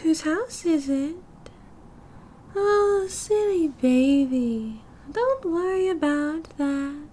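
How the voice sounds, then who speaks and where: In this ASMR roleplay, a British woman heavily acts a possessive, cheery young yandere kidnapper, her high-pitched, mellow voice expressive and full of drawn-out words. A little hiss or hum and the sound of a car driving accompany her intimate one-sided talk, excited, giggly, cutesy, breezy and doting.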